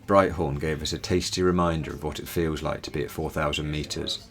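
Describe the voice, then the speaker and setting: A man's voice: very deep voice, level tone, a little fast. A man delivering scripted voice-over narration for a mountaineering travel vlog.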